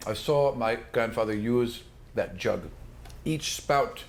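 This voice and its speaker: A man running a tabletop role-playing game describes the scene informally and off the cuff, throwing in casual asides. He speaks slowly in a mid-range voice.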